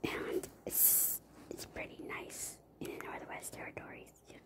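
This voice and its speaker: A young woman whispering through a rambling, casual vlog, pausing often with fillers. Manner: rambling, halting with many fillers. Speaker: vlogger.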